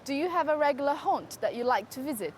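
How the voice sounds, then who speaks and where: A woman's voice: sits high, expressive, quick pace, over loud music. A woman from Brazil asking people friendly questions in street interviews.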